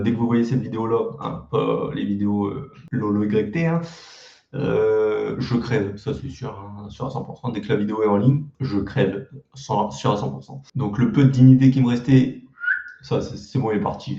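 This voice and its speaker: A man's voice: on the low side, creaky, warm tone, reverberant, highs cut off. A man casually reacting to his own old videos, mocking them with crude slang and self-deprecating jokes.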